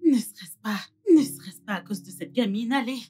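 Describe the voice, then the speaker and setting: A woman's voice: fairly high pitch, a little fast, warm tone, faint music behind, close to an everyday voice. A woman dubbing a scheming, spiteful young woman in a French film dub, with a sneering, taunting manner. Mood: soothing, scornful.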